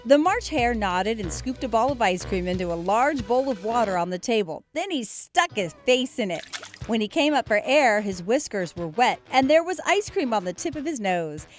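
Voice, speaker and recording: A woman news anchor narrating a children's story aloud in an expressive read-aloud manner. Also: a little high, moderate pace, soft background music.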